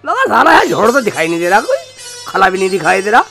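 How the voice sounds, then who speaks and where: A woman's voice: medium pitch, sing-song, unhurried, creaky. A woman playing a foolish, hot-tempered young village man who rants and curses to himself, in a comedy sketch with music behind. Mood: grumbling. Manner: ranting, cursing, muttering to himself. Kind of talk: low-budget comedy sketch acting.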